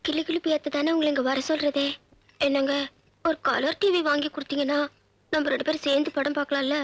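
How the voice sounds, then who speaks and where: A woman's voice: sits high, flat delivery, quick pace, no echo. An actress playing a young village mistress who coaxes her lover for gifts. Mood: coaxing.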